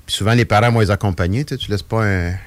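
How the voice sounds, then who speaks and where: An older man in his 50s or beyond, from Trois-Rivières, Quebec, appears as a guest magician on a casual, jokey radio chat in a dry studio. With a Quebec French accent and a rather low voice, he tells anecdotes rapid-fire, animated and rambling, often interrupting himself and wandering off.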